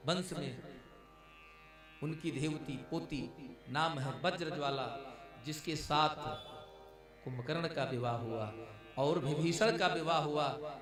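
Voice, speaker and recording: A man's voice: fairly high pitch, distant mic. A man preaching a devotional story sermon, acting out the dialogue and calling his listeners "maharaj". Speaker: Ram Katha preacher. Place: large live discourse venue. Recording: echoey live hall sound from afar, with music.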